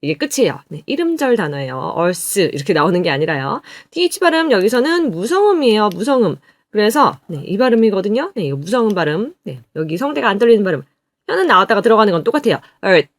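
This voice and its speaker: Lively woman teaching English pronunciation. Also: medium pitch, dry recording, clean studio sound. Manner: drills words slowly, repeats them for students to copy. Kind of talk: online English pronunciation lesson.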